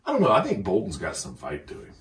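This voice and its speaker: Deep-voiced man telling stories, echoey. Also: wildly swooping pitch, fast talker, gravelly. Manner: rambling, laughs through his stories. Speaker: podcast guest. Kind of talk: casual chat, storytelling. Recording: echoey room, distant from mic.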